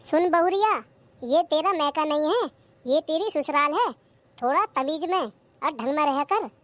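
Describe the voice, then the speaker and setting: A performer voicing a bossy, sharp-tongued old village mother-in-law in a cartoon comedy, nagging and taunting. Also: sits high, expressive, unhurried, a little hiss or hum. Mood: scolding. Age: older. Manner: nagging, taunting, complains about the old days.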